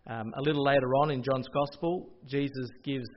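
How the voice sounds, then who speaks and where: A man preaching a sermon as pastor, expressive and rising to loud proclamations. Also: medium pitch, moderate pace, slight background noise. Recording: dull lo-fi audio.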